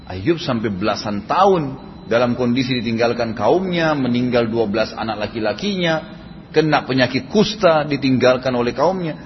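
A man's voice: medium pitch, animated, moderate pace. A man giving a religious lecture, retelling a story in a chatty way with casual tag questions. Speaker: preacher. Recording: echoey hall, slightly dull sound, faint noise.

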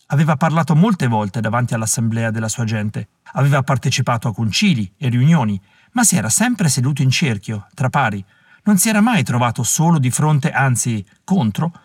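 A man reading a novel aloud as an audiobook narrator, with an expressive, dramatic delivery. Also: mid-range voice, husky, no echo, studio quality. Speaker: audiobook reader. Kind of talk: scripted narration.

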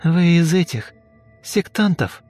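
A man voicing a sulky, rude young woman who talks in a snappish, slangy way and turns shrill when upset. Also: sing-song, unhurried, darkish tone, slightly rough, faint music behind, heavily acted.

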